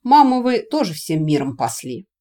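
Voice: mid-range voice, big pitch swings, moderate pace, mellow, close to an everyday voice. A reader voicing a young male dragon, a sarcastic, snorting brother.

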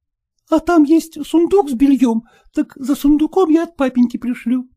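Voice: normal speed, mellow, close to an everyday voice. A reader doing an offended young wife, curt and cold. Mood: upset. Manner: cold, curt, then shrill.

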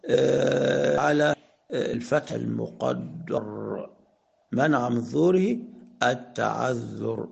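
A man with an Egyptian accent teaching Arabic grammar. He asks questions, answers them himself, and slows down to spell out example sentences. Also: a little high, vocal fry. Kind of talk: explanatory lesson.

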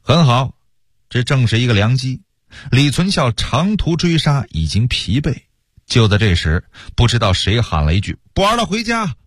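Husky, animated male storyteller. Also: medium pitch, moderate pace, no room sound, studio quality. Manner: lively, colloquial storyteller with asides. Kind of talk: radio historical storytelling.

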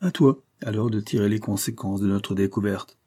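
A man reading aloud, voicing a celebrated police detective who speaks in a measured, authoritative, instructive way. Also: on the low side, mellow, slightly rough. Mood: commanding. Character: celebrated police detective, calm, commanding, dry.

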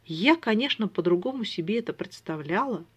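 A reader voicing an impatient, eager young woman who chatters fast and excitedly, in an audiobook. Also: medium pitch, slightly rough, voice pushed up. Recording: dull lo-fi recording.

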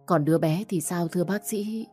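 A woman's voice: on the low side, moderate pace, dark tone, breathy edge, faint music behind. A woman voicing a distraught middle-aged mother in an audio story. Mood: worried.

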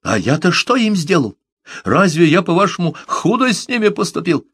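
Guy putting on a shaky whiny old man, way higher than his own voice, dry close sound. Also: big pitch swings, moderate pace, a bit bright, breathy edge, dry recording, heavily acted. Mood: agitated. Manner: quavering, plaintive, agitated. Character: fretful old bearded man, rambling and anxious.

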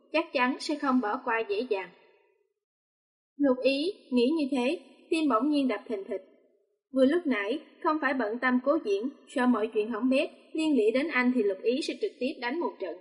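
A woman narrating a romance novel audiobook in a steady, even reading voice. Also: on the high side. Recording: long reverb.

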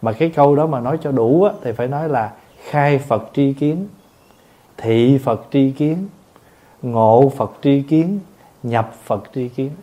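Monk giving a dharma talk, warm low-key voice, patient, explains word by word. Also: male voice, measured pace, dull audio. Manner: patient, explains word by word, acts out everyday dialogues. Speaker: Buddhist monk teacher.

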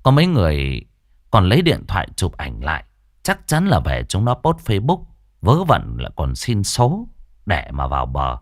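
A man's voice: deep voice, moderate pace, no room sound. A man narrating a ghost story dramatically. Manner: dramatic, expressive. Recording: dry studio voice with faint music.

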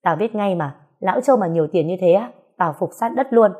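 A woman's voice: mid-range voice, animated, brisk, warm tone, breathy edge. A woman reading a story aloud, voicing a bossy, foul-mouthed older woman. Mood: scolding. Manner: blunt, scolding, swearing.

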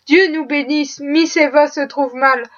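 A woman reading the lines of an excitable household cook who exclaims and frets. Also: high-pitched, a little slow, lo-fi sound. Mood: fretful.

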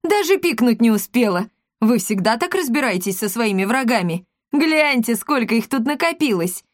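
Storybook cat servant, male, eager and fawning, high and bright, voiced by a woman. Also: sing-song, normal speed, no echo, studio quality. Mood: gushing. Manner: gushing, eager.

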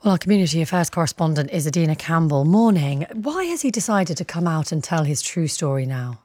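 Female live radio presenter; brisk, inquisitive, slightly low voice, dry close mic. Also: expressive, mellow, dry recording.

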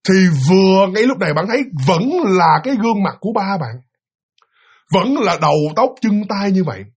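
A young man telling a ghost story in an animated way, acting out the voices of a father and a frightened child. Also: high-pitched, brisk, breathy edge.

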